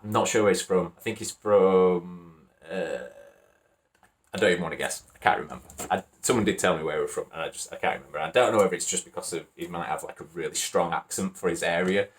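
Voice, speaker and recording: A man's voice: low voice, fast. A man with a Wakefield accent, rambling casually and chuckling as he hosts a reaction video. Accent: Wakefield, Yorkshire. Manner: rambling and chatty, chuckles often.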